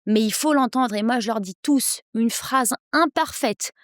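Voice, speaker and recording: A woman in her thirties, an English coach, speaking persuasively as a podcast guest, with energetic quick bursts. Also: fairly high pitch, no echo, clean studio sound. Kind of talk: podcast interview.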